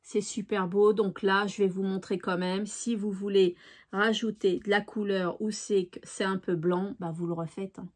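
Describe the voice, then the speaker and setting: A woman's voice: medium pitch, flat delivery, normal speed, a little mellow. A woman hosting a craft tutorial, chatting casually and thinking aloud with fillers. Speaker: craft channel host.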